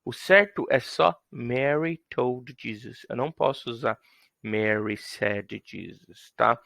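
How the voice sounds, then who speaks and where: A man's voice: medium pitch, slow, gravelly, a bit bright, no room sound. A man teaching English grammar in a playful way, acting out little scenes to show his examples. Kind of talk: explaining grammar to students.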